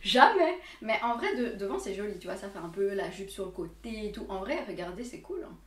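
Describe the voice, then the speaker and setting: A woman's voice: medium pitch, animated, fairly quick. A young woman with a Belgian French accent chatting casually and self-mockingly through a clothing try-on, laughing often. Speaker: fashion vlogger. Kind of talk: casual try-on haul chat. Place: bedroom with mirror. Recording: echoey room, mic at a distance.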